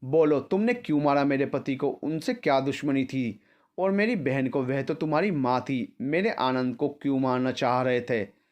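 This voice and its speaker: A man's voice: mid-range voice, moderate pace, close to an everyday voice. A man voicing an elderly grieving mother who questions her son's attacker in a storybook tale. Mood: demanding, grieving. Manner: pleading, questioning.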